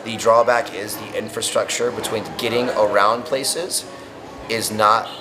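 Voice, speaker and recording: A man's voice: on the low side, steady tone, a little slow, crowd noise. A man from the United States, a tourist, giving articulate, reflective interview answers.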